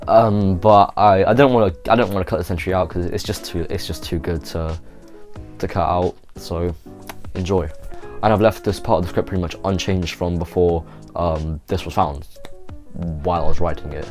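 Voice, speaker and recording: A man's voice: deep voice, fairly even intonation, moderate pace, darkish tone, faint music behind. A man narrating a YouTube video in a casual, rambling, offhand way, full of "like" and restarts. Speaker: YouTube host.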